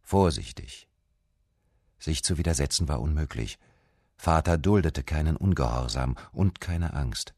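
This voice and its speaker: A man doing a literary voice-over reading, calm and measured. His voice is extremely deep and husky, close and dry with no room around it. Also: no echo. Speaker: voice-over translator.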